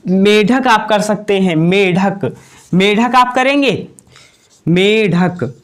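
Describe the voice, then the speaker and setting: A man's voice: high voice, unhurried, fairly bright tone. Man teaching at a whiteboard, repetitive. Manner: repetitive, asks and answers own questions. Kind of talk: whiteboard exam-prep lesson.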